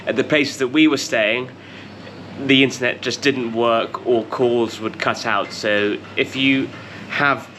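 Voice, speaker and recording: Bright-voiced man with W-like R's. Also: mid-range voice, fairly even intonation, takes it slowly, slight background noise. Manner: can't pronounce R's, says them like W. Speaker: travel vlogger. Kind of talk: casual, rambling travel advice to camera.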